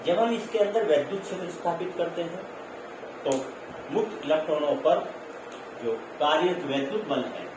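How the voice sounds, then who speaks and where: A male physics teacher gives a classroom lecture in a very echoey room, mixing English terms into his explanations. His voice is a little high and moderately paced, his style explanatory and repetitive with check-in tags. A distant microphone picks him up, with heavy echo and clear noise.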